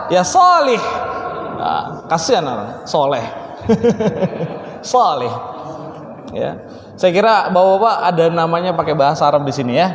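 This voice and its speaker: A man teaching Quran recitation rules to a mosque class, joking and teasing his students and drawing out the recited words slowly. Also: sits high. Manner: playful, teasing, mimics exaggerated greetings, slow drawn-out recitation. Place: mosque hall. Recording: echoey mosque hall with long reverb.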